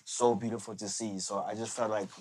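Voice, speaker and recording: A man in his thirties hosting a casual interview in a gentle, hesitant way. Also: fairly low pitch, level tone, a little fast, a little hiss or hum. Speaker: podcast host. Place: indoor lounge-style podcast set. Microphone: podcast microphone on a boom arm.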